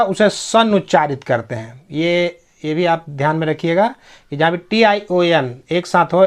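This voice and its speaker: A man giving a pronunciation lesson, spelling words out letter by letter, repeating each word and checking that his listeners follow. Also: a little high. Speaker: English pronunciation teacher.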